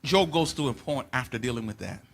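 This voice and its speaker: A male pastor, preaching a sermon in a church in a sing-song cadence that builds into shouted, chanted lines, repeating phrases for the congregation to answer. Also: mid-range voice, lively intonation, brisk, vocal fry, slight background noise. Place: church sanctuary.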